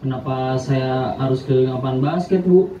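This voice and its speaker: Woman acting meek, very low-voiced pupil. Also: dark tone. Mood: meek, apologetic. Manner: meek, halting. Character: meek apologetic tardy school pupil. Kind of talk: acted educational skit. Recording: echoey, muffled, distant, faint noise.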